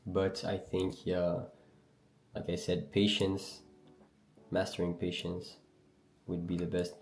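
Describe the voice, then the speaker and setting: Speaking slowly in a low, flat voice, a young man hosts a trading livestream from a roomy-sounding space. He is Algerian, raised in Canada, with Berber as his first language and a French Canadian accent, and he chats in a loose, slangy way while answering questions from the chat.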